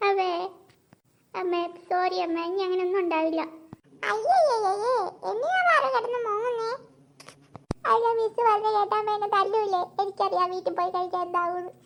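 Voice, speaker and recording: A woman's voice: very high voice, steady tone, quick pace, a little hiss or hum. A woman voicing a frightened schoolgirl in a cartoon, speaking in a pleading, whiny way. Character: frightened schoolgirl afraid of a scolding.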